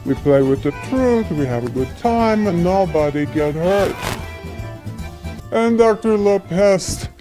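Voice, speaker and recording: A woman's voice: fairly low pitch, lively intonation, takes it slowly, rough recording. Woman as a swooping, theatrical masked-ball host, guitar music. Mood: breezy. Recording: loud guitar music behind.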